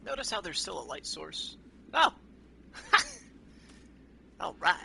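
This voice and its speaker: A man commenting on a game as he plays, slipping into playful mock-ASMR whispers and bursting out with sudden loud reactions. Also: high-pitched, big pitch swings, slow, vocal fry, a little hiss or hum. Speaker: game player. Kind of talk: let's play commentary.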